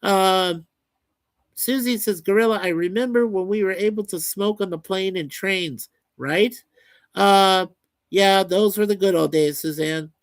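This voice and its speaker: A man with a high voice hosts a livestream, reading viewer comments aloud and answering them in a chatty, folksy way. He speaks a little slowly, and there's no echo.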